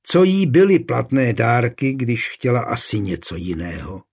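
A man narrating an audiobook in a measured, even storytelling manner. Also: medium pitch, vocal fry, breathy edge.

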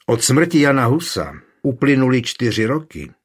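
A man reading a stern one-eyed warlord who argues forcefully in a council. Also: mid-range voice, very animated, husky, voice pushed up. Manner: forceful, agitated.

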